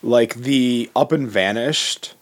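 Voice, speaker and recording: A man chatting as a guest about brewing and podcasts, rambling with many pauses and fillers. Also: mid-range voice. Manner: rambling, many ums and restarts. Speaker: homebrewer guest. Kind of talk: casual podcast chat.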